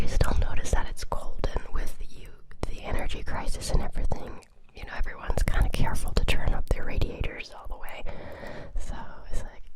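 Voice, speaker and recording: An ASMR creator whispering a casual chat close to the ear, fully unvoiced and breathy. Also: poor audio. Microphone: close ear-to-ear ASMR microphone.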